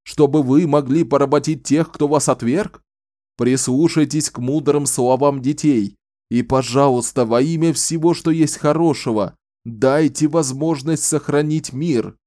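A rabble-rousing man pleads and thunders at a crowd, raising his voice well above its usual pitch. A man puts him on in an audiobook reading. The tone stays dark and close, with a dry sound. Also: measured pace, no echo, close to an everyday voice. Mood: declaiming. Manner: declaiming, pleading. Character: impassioned male orator rousing a crowd.

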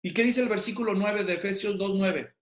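A man's voice: sits high, a little fast, roomy sound. A man teaching a Bible study lecture, explaining step by step and quizzing the audience he is speaking to.

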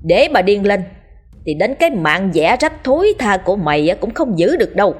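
A woman's voice: mid-range voice, sing-song, brisk, slightly rough. Woman voicing a cruel shrieking landlady. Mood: vicious scolding. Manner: harsh scolding, shouting threats. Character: cruel shrill old landlady, bullying and murderous.

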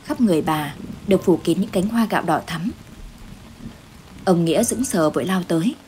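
A woman storyteller giving a measured, dramatic scripted narration of a ghost story. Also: lowish voice, warm tone, slight background noise.

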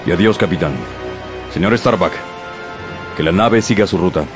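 Captain Ahab, played by a man as a cold, deep sea captain. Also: normal speed, natural voice. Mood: cold, stern. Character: obsessed one-legged old sea captain, cold and stern. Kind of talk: radio drama acting. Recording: radio drama with music bed. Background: music score.

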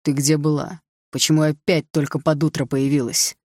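A woman's voice: deep voice, steady tone, moderate pace, creaky, no echo, studio quality. A woman voicing an angry young man who barks and hisses at his sister, in an audiobook reading. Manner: barking, hissing, harsh. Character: angry young man, protective older brother.

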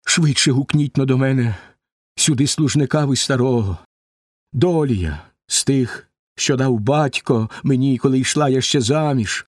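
A man voicing a grieving middle-aged queen in a lamenting verse reading, raised high above his own voice. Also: measured pace, dry recording, clean studio sound, close to an everyday voice.

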